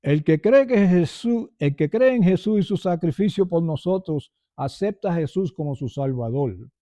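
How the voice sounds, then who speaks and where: A man's voice: fairly high pitch, animated, normal speed, warm tone, no room sound. An older man giving an earnest personal testimony and calling his listeners brothers.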